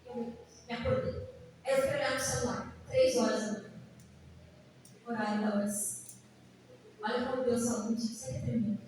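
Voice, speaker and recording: High-voiced Brazilian woman preaching in a hall. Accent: Brazilian Portuguese. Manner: animated, calls out to the congregation, sings out phrases. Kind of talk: sermon. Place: church hall. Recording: echoey hall, distant mic, faint noise.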